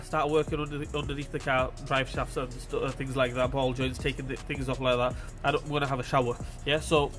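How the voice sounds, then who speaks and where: This mechanic's voice sits fairly high with a bit of brightness, and he sounds stuffy, as if his nose is blocked. Filming a repair video on a phone held near the engine, he keeps up casual, chatty how-to commentary while working, addressing his viewers as "guys."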